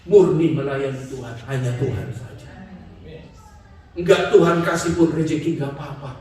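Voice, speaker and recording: A male pastor giving an impassioned sermon, swinging between soft passages and shouting. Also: medium pitch, normal speed. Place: church sanctuary. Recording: very echoey, from far off the mic.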